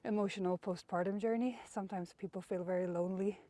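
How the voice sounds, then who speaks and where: Hosting and instructing an outdoor workout, a young non-native English speaker keeps things conversational and encouraging. She has a mid-range, mellow voice with fairly even intonation and a quick pace, recorded without echo.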